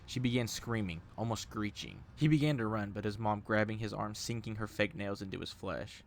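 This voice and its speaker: A man reading a scripted horror story in a steady, measured way. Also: fairly low pitch, creaky, slight background noise.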